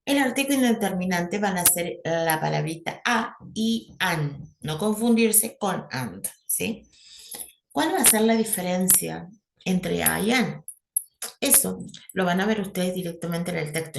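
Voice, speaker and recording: Gravelly low-voiced woman teaching English. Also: expressive, unhurried. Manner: explanatory, checks in with a constant "¿sí?". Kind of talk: classroom grammar lecture. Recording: echoey room with faint noise.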